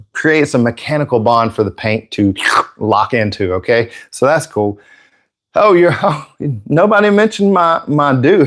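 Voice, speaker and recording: A man hosting a live airbrush painting stream, chatting casually and joking with viewers, slightly out of breath. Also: medium pitch.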